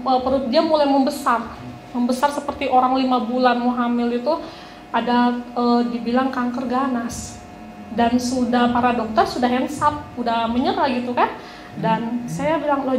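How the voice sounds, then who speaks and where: A woman's voice: sits high, slight background noise. A woman telling a personal testimony in a church service, conversational storytelling that quotes others. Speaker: church speaker giving a testimony. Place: church hall. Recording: echoey church hall with faint ambience.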